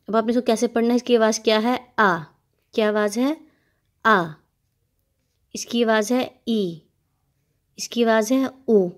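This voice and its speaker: A woman with a Pakistani Urdu accent teaching Quran reading in a slow, drilled lesson, patiently repeating each sound for the learner to echo. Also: on the high side, a little mellow. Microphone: online class recording.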